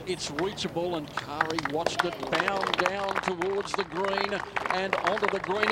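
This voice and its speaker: A man giving measured, polished live golf commentary. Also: high-pitched, very noisy.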